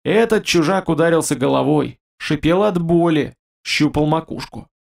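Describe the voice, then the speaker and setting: A man narrating a fantasy audiobook in a steady storytelling manner. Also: fairly high pitch, normal speed, creaky.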